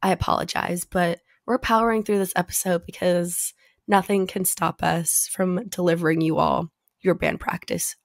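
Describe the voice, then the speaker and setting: A young woman co-hosting a podcast in casual chat, her voice raspy and hoarse from a sore throat, chatty with lots of fillers. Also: lowish voice, fairly even intonation, moderate pace, no room sound, clean studio sound. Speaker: podcast co-host.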